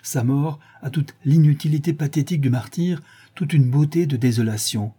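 A man's voice: fairly high pitch, normal speed, dark tone, breathy edge. A man voicing a detached young male aesthete in an audiobook, speaking in a lofty, languid, self-assured way. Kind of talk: audiobook character reading.

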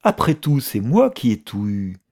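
A man voicing a bitter, jealous middle-aged woman in an audiobook reading, with a sharp, mocking manner that flares into outbursts. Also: fairly low pitch, a little slow.

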